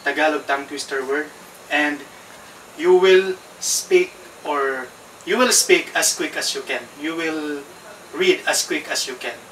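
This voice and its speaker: A man's voice: fairly high pitch, measured pace, fairly bright tone. A man in his twenties with a Filipino accent, casually hosting a challenge vlog. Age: 20s. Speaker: vlog host. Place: ship cabins and corridors. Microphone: camera a few feet away. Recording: echoey, distant camera mic, background noise.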